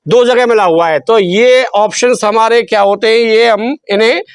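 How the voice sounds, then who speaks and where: A man's voice: sits high, moderate pace, clean tone, no echo. A man teaching a spelling lesson. He repeats his questions back to the students and stretches out syllables. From India. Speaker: English teacher. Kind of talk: spelling lesson explained in Hindi.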